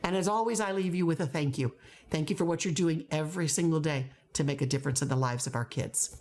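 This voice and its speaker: A woman's voice: sits low, fast talker, darkish tone, a little hiss or hum. A woman in her fifties, a veteran teacher, giving classroom advice straight to camera, emphatic and repeating words for stress. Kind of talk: direct-to-camera teaching talk.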